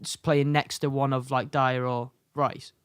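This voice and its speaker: A man's voice: mid-range voice, little pitch movement, unhurried, clear, resonant tone, no echo, clean studio sound. A man co-hosting a casual football podcast chat, opinionated and talking in long run-on thoughts. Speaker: podcast co-host.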